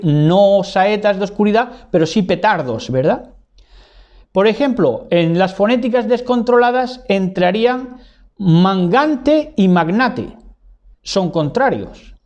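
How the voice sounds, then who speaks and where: A man's voice: high voice, darkish tone, muffled recording. A man giving a didactic monologue, repeating key words and tagging his points with "¿verdad?". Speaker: lecturer.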